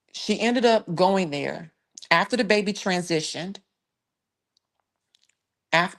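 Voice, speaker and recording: A woman hosting a live true crime stream, giving blunt, emphatic case commentary in a casual way and stopping to thank viewers. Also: sits low. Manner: blunt, emphatic, conversational with sighs and restarts.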